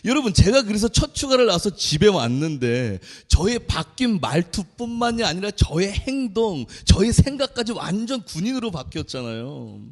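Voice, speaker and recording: A young man preaches in a church with a high, expressive voice that leaps up and down as he tells his stories. He acts out the voices of the people in them, and his words ring with a long reverb through the sanctuary. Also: normal speed, few pauses. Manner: animated storyteller, acts out quoted voices. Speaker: junior pastor. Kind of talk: sermon.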